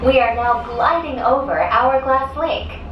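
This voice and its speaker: A woman making a polite, measured recorded passenger announcement, played over a cabin loudspeaker inside a moving gondola. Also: high voice, recorded from a distance, highs cut off, music in the background. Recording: echoey loudspeaker with ride noise, from afar.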